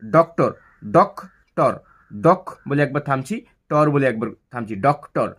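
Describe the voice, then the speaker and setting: A man teaching an English grammar lesson. He asks questions and answers them himself, and repeats words slowly, syllable by syllable. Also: medium pitch.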